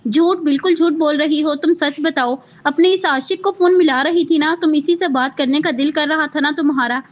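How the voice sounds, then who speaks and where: A woman's voice: high-pitched, moderate pace, lo-fi sound, close to an everyday voice. A woman voicing a harsh, angry young husband in a read-aloud romance novel, with an accusing manner.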